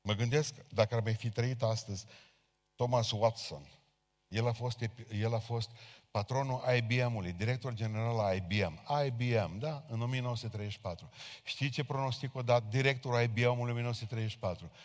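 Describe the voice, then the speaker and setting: A man preaching a sermon as a Pentecostal pastor, speaking fervently and addressing his congregation directly. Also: mid-range voice. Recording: long hall reverb.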